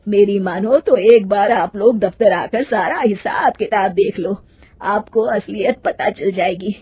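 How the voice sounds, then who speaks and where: A woman voicing a kindly old male clerk who calls out slowly and loudly in a cartoon story. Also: mid-range voice, husky, dry recording. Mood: worried. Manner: calling out loudly, slow.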